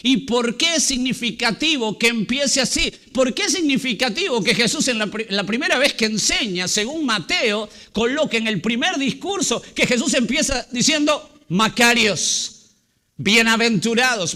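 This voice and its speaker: A man pastor preaching a Sunday sermon to his congregation. He asks rhetorical questions, repeats key words and slows down to stress them. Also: very high voice, expressive, pushed and bright. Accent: Latin American Spanish. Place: church.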